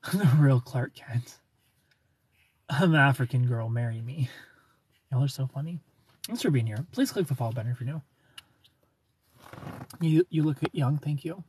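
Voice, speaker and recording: Parked at night among neon lights, this thirty-something man runs a casual live stream from his car, phone held close. His mid-range, darkish voice has lively intonation at a normal speed, with frequent pauses and slight background noise. He reads comments aloud, jokes around and laughs a lot.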